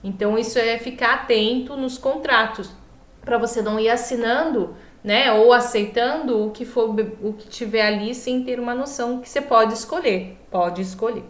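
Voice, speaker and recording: A woman's voice: fairly high pitch, normal speed. A Brazilian woman teaching an online law class informally, her speech slightly impeded by a swollen mouth as she stumbles over long words and corrects herself. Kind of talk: online lecture, informal explaining. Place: echoey room, online class. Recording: echoey room.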